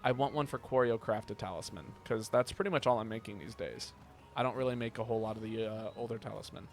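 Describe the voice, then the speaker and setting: A man's voice: on the low side, fast talker, soft background music. A man streaming a video game, chatting casually and rambling as he thinks aloud. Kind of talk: casual live gaming commentary. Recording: clear background noise.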